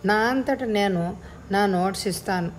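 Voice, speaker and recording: A woman narrating a first-person story as an audiobook reader, in a measured, reflective way. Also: mid-range voice, a little hiss or hum.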